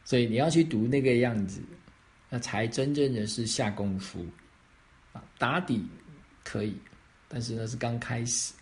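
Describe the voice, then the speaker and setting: A man's voice: mid-range voice, normal speed, a little mellow. Male pastor fielding questions; explanatory, checks understanding, mid-range voice. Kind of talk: answering questions on faith.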